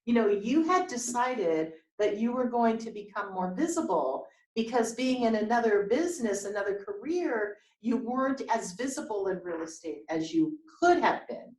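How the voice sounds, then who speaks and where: Higher-voiced woman coach, roomy sound. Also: expressive, moderate pace, a little mellow. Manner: explaining, checks in with questions. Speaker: business coach, host. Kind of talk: coaching interview over video call.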